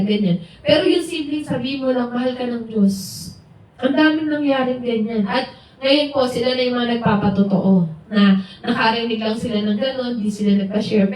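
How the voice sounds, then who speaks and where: A woman giving an informal, conversational sermon at a house church, mixing in English words and acting out what friends say. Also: on the high side. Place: house church gathering room. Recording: very echoey room, distant mic, faint hiss.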